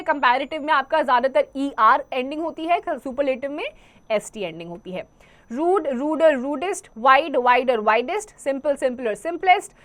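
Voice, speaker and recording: Slow, high-voiced Indian woman teacher. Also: fairly bright tone. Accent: Indian English. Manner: reads English text slowly, then explains quickly in Hindi. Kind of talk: grammar lesson for school students.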